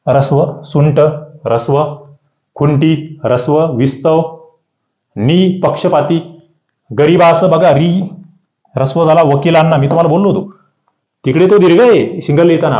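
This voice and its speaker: A man teaching an exam-prep grammar lesson, working through many examples with his pitch swinging up and down to stress each point. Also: dark tone. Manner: explains with many examples, pitch rising and falling sharply for emphasis. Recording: dull, echoey room sound.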